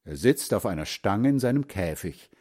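A man reading a children's storybook aloud in a slow, expressive way. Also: fairly low pitch, husky. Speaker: narrator.

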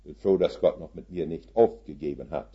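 A man's voice: a bass voice, brisk, lo-fi sound. A man in his seventies preaching a sermon full of stories, putting folksy rhetorical questions to his congregation and dropping English words into his German. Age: 70s.

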